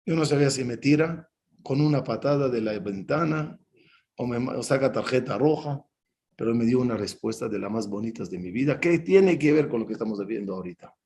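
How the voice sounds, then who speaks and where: A man, a rabbi, teaching a Torah class over a video call, an animated storyteller who acts out dialogue with big swings in his voice. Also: medium pitch, brisk. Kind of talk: lively teaching with anecdotes.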